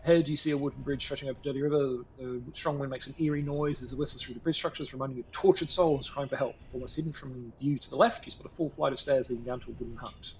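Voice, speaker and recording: A man's voice: mid-range voice, steady tone, quick pace, hardly any pauses, muffled recording, a little hiss or hum. A man hosting a gameplay video, reading the text of a digital gamebook aloud and breaking off for dry, sarcastic asides.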